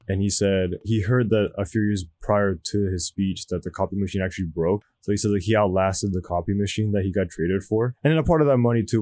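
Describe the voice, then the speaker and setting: A man's voice: on the low side, darkish tone, dry recording. Rambling young man, sports podcast. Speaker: podcast co-host. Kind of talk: casual sports chat.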